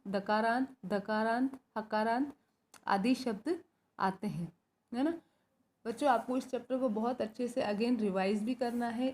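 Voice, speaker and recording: A woman's voice: fairly high pitch, a little mellow, slight background noise. A woman teacher giving a recorded school lesson, explaining step by step, asking her own questions and answering them, and often checking in with "right?". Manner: often adds "है ना" to check understanding.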